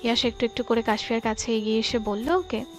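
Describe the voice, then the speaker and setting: A woman narrating a romantic audio story in a soft, steady storytelling voice. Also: a little high, fast talker, soft background music. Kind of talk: scripted narration.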